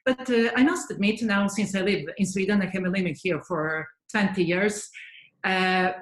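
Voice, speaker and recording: A woman's voice: mid-range voice, moderate pace, reverberant. A woman in her forties from Serbia with a Serbian accent, answering interview questions earnestly and thoughtfully, with frequent hesitations. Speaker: guest, head of software development.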